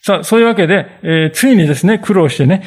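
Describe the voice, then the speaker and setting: A man's voice: sits high, lively intonation, fast talker, darkish tone, slightly rough. A male pastor giving a conversational sermon, reading scripture and explaining it with frequent fillers and asides.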